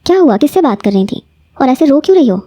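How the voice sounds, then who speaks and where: A woman voicing a caring young male professor who speaks gently and reassuringly. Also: high voice, very animated, no echo. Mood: gentle concern. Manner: gentle, reassuring, then serious.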